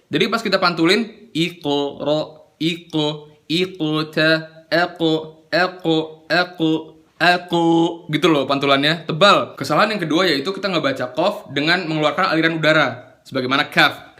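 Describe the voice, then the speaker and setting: A young man teaching Quran recitation in a casual lesson, demonstrating sounds slowly and explaining in quick chat. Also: on the high side, pushed and bright.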